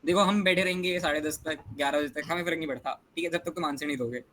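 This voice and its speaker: A man's voice: a little high, fast, a bit bright. A young man hosting an online workshop over a video call, chatting casually in Hindi and English and teasing participants to speak up. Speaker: workshop host.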